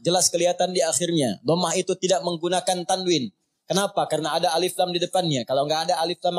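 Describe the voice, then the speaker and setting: A man. He asks his class questions and answers them himself. He recites Arabic phrases slowly between his explanations. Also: high-pitched. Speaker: teacher of Arabic and Quran reading. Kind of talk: classroom lesson on Arabic grammar.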